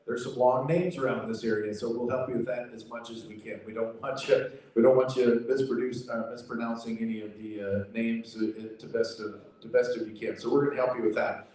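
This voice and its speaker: A man's voice: mid-range voice, fairly even intonation, fairly quick, a little mellow. American guy doing an informal briefing, folksy and reassuring, super echoey hall, kinda far from the mic. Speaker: auctioneer contest organizer. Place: livestock sale arena. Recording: very echoey hall, distant PA sound.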